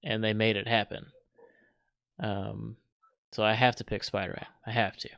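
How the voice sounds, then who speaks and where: A man's voice: lowish voice, level tone, normal speed, gravelly, fairly bright tone, no room sound, clean studio sound. A man co-hosting a casual podcast debate, earnest and emphatic, repeating his points. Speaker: podcast co-host.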